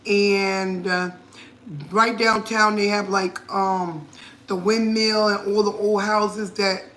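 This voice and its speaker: A woman's voice: mid-range voice, level tone, takes it slowly, a bit bright. A middle-aged woman from Connecticut, a cooking vlogger chatting casually and playfully, laughing often. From Connecticut, USA. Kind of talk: casual live chat.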